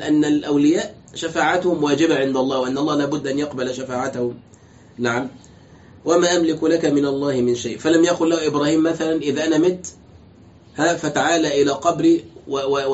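Fast-talking sheikh in roomy lecture hall. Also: male voice, on the high side, a little mellow. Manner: explains step by step, asks rhetorical questions. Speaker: sheikh teaching tafsir and fiqh. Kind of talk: classroom lecture with questions. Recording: dull roomy lecture recording, faint noise.

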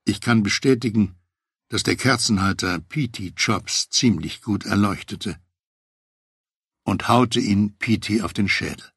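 A man narrating a memoir audiobook in a steady, matter-of-fact first-person voice on a close mic. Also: on the low side, a little slow, husky, no room sound.

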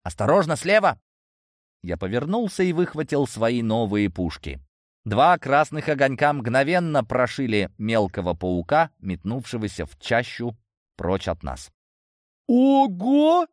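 A man narrating a fantasy novel in the first person, wry and expressive. His voice moves widely in pitch and sits dry and close to the mic, with mid-range pitch. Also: unhurried, no room sound. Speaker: audiobook narrator.

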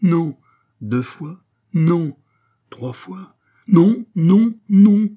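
A man voicing an irascible, pompous old priest schoolmaster who shouts in indignation. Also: on the high side, moderate pace, husky, highs cut off, voice pushed up. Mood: furious. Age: older.

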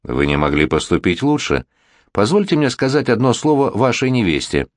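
A man's voice: medium pitch, big pitch swings, normal speed, no echo, studio quality, pitched above the performer's own voice, lightly acted. A man voicing a worldly, flirtatious middle-aged prince regent in a gallant, insistent manner.

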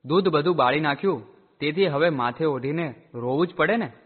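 A man voicing a blunt, simple-hearted village herdsman who talks gruffly and complains, heard through a tinny, echoey recording. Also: on the high side, normal speed. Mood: indignant. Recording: echoey, tinny phone-like sound.

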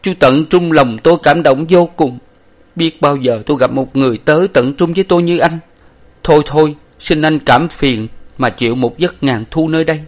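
A man's voice: a little high, normal speed, voice pushed up, lightly acted. A man voicing a loyal young male hero who weeps and laments solemnly. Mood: mournful.

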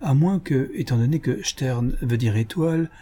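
A timid, flustered bourgeois gentleman, read by a man, hesitant and earnest, often faltering mid-sentence. His voice is warm and dark with a husky grain. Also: medium pitch, lively intonation, normal speed. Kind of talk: audiobook character voice.

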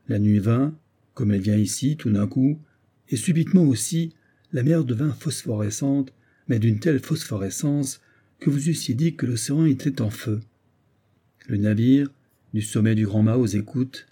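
A grave, weathered sea captain telling of a ghostly voyage, read by a man. The voice is very dark and mellow with a husky edge, steady and solemn in a storybook manner. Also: medium pitch, close to an everyday voice. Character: weathered male sea captain recounting an eerie tale. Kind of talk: scripted narration of a classic story.

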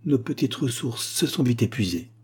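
A man voicing a poor, grieving male schoolteacher who pleads softly and sadly in a husky voice. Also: medium pitch, expressive, moderate pace. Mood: sorrowful. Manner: soft, sorrowful pleading.

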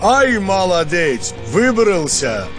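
A male narrator voicing a big, cheerful, good-natured boat skipper who talks slowly and tags phrases with a questioning "da?". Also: on the high side, expressive, faint music behind, pitched above the performer's own voice. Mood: excited. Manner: slow, drawn-out, ends phrases with a questioning "da?". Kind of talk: audiobook character voice.

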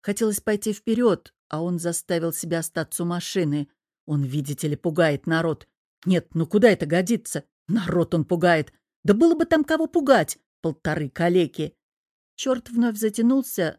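A woman reading an audiobook in scripted narration, with an expressive storytelling manner into a close mic. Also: on the low side, no echo.

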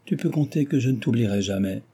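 A man voicing an ardent young gentleman suitor. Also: medium pitch, expressive, quick pace, slightly rough. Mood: passionate, pleading. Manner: passionate, earnest, insistent. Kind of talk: audiobook reading.

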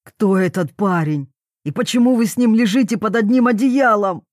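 A woman voicing a jealous, hot-tempered middle-aged military father who blusters and growls low. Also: steady tone, a little slow, dark tone, no echo, clean studio sound. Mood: roaring. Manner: gruff, blustering, dropping to a low menace.

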